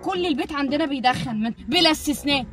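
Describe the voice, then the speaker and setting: A woman's voice: sits high, a bit bright, faint music behind. A young woman with an Egyptian Arabic accent, chatting casually in a vlog and arguing back boldly. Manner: rapid, bold and argumentative. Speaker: vlogger wife. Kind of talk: casual prank vlog chat.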